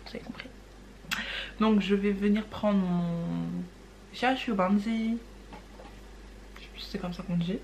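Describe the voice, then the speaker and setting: A woman talking casually through a makeup tutorial. She keeps trying out foreign words and repeating them, and sometimes drops to a soft murmur while she works. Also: mid-range voice, a little slow, long pauses, a little hiss or hum. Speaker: beauty vlogger.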